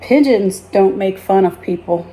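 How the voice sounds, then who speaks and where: A woman with a mid-range voice reads a story for children as a teacher would, measured and full of expression.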